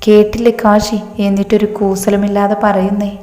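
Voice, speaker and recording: A woman's voice: medium pitch, little pitch movement, moderate pace, dark tone, natural voice. A woman voicing an anxious, grieving older man, in a story read over faint music in a roomy hall. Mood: upset. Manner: pleading, shaken.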